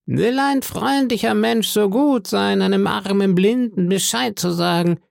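A man voicing a menacing blind old sea beggar in an audiobook, speaking in a slow, eerie sing-song that sounds cruel and cold. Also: high voice, gravelly, no room sound, clean studio sound, voice pushed up, exaggerated voice. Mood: wheedling. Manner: slow, drawn-out wheedling delivery.

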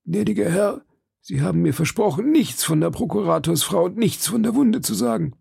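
A man reading an audiobook puts on a nervous innkeeper who frets and bows to his betters. The voice sits high and gravelly, husky and dark in tone, and close and dry on the mic. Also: lively intonation, moderate pace, no echo, full character voice. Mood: anxious. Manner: fretful, servile. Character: anxious, deferential male innkeeper, middle-aged.

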